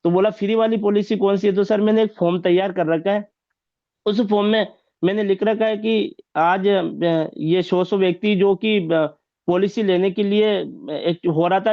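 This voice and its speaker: A man with a high voice tells his sales stories as an insurance agent. He acts out both sides of the dialogue and laughs often. His audio is dull and dry, like a remote call. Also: fairly even intonation, normal speed, no echo. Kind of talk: storytelling sales anecdotes.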